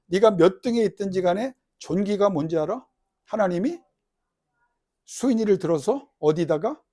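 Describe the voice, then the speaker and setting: Preaching in a high, gravelly voice, this middle-aged pastor alternates soft, low asides with loud prayer that cries out. He repeatedly puts questions to the congregation and leads them in echoing his lines.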